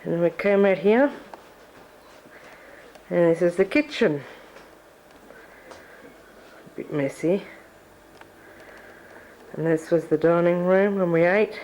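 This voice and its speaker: A woman's voice: fairly low pitch, takes it slowly, long pauses, a little mellow, a little hiss or hum, rough recording. An Australian woman giving a chatty, reminiscing tour of her family home on a home video. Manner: reminiscing, chatty narration while walking. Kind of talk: casual home-video walkthrough. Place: family house and backyard. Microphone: camcorder microphone.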